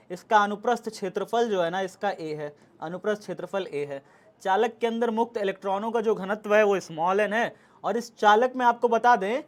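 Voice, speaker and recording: A young man lecturing a physics class. His voice sits high for a man. He repeats each step and coaxes the students along. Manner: repetitive, coaxing, urging students to hurry. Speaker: physics teacher.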